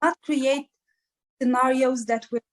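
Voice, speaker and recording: A guest musician, a woman from East Africa, fields interview questions at a measured pace with a steady tone and a high voice. She sounds earnest and motivating, often filling gaps with "like."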